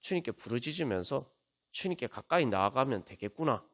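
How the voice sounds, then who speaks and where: Animated preaching man. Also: medium pitch, a little fast. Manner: preaching with many rhetorical questions and fillers. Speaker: pastor. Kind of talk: sermon at a Friday prayer meeting. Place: church.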